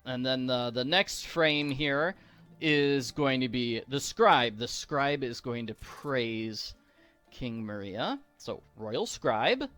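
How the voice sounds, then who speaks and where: A video game walkthrough host offers casual, playful, jokey commentary while playing, with faint game music behind him. His voice is medium-pitched and a bit bright, with lively intonation at a slow pace.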